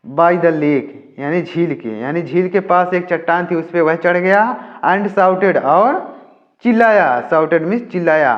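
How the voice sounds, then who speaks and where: A man's voice: on the high side, highs cut off. A man teaching English by reading a story aloud, then explaining each word in Hindi.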